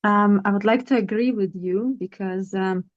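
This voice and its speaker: A woman from Russia speaking in a casual discussion, halting with fillers. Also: medium pitch, steady tone. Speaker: participant. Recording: slightly dull, lo-fi audio.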